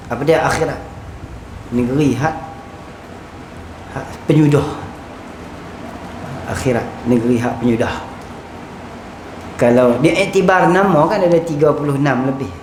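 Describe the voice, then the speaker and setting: A male religious teacher with a Kedah Malay accent, giving an animated kitab lesson and acting out little dialogues. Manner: animated, acts out little dialogues, lively pitch swings. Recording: echoey room with faint ambient noise.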